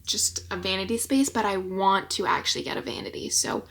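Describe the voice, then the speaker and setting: A woman in her early twenties chats to the camera from a small apartment bedroom. Her voice carries a steady gravelly fry at an ordinary middle pitch. She rambles casually and fills her talk with likes. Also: fairly quick, background noise. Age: early 20s. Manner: chatty and rambling, with filler likes. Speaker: vlogger.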